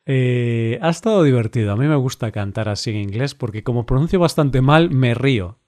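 Slow-spoken man co-hosting. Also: mid-range voice, animated, a little mellow. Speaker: podcast co-host. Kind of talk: casual podcast chat.

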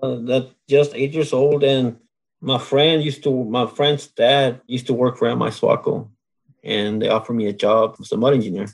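A man from Mexico speaks in a relaxed interview. His voice is gravelly and a bit husky. He talks plainly, with a dry sense of humor. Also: medium pitch, normal speed, rough recording. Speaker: guest, oilfield solids control worker. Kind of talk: casual interview.

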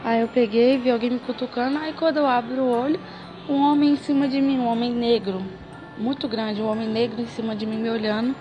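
A woman's voice: a little high, fairly even intonation, a little fast, lo-fi sound. A woman casually telling a personal story, full of slang and repeating words for emphasis. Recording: music playing underneath.

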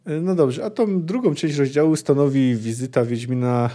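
A man's voice: medium pitch, normal speed, mellow. A man hosting a book podcast, explaining a fantasy novel chapter with frequent hesitations and fillers. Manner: hesitant, many fillers, thinking aloud. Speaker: podcast host.

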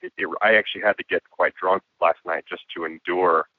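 A man with a hoarse voice, a guest musician and filmmaker talking reflectively in a casual interview. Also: low-pitched, fairly even intonation, a little fast, dry recording. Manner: reflective, with frequent restarts and laughs. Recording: tinny phone-like line.

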